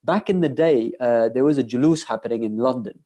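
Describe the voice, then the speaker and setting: A man's voice: medium pitch, fairly quick, dark tone. A young man answering audience questions in a casual lecture, earnest and conversational, often restarting his sentences.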